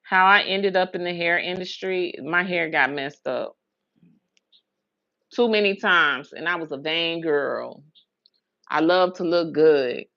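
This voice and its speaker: A lowish, somewhat bright female voice moves slowly and pauses often, recorded lo-fi without echo. The speaker, an American livestream host and hairstylist from Huntsville, Alabama and Brooklyn, New York, tells rambling personal stories in a casual, colloquial style, repeating words to emphasize them.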